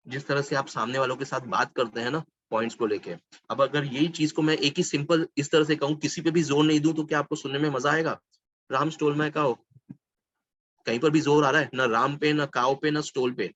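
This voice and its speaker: A man's voice: mid-range voice, fairly bright tone, dull audio, slight background noise. A man leading a live sales training session, mixing Hindi with English phrases and quizzing his audience with "right?". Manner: stretches out and stresses single words to show emphasis; asks the audience questions, adds "right?".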